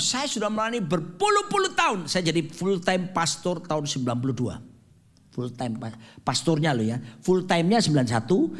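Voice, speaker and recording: A man in his fifties preaching a sermon with a high, lively voice that leaps up and down. He delivers it dramatically, slipping in jokes and English phrases. He sounds like a pastor in a church. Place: church sanctuary.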